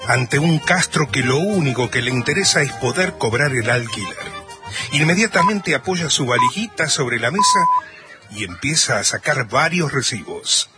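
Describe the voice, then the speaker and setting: Male narrator for a drama, medium pitch, scripted delivery over prominent music. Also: lively intonation, normal speed.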